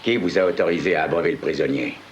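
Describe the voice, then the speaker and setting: An actor playing a stern, imperious colonial army officer with a clipped, commanding, threatening manner in an adventure film. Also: male voice, a bass voice, fast, background noise. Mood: cold, reprimanding. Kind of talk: dubbed adventure film acting. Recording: loud music behind.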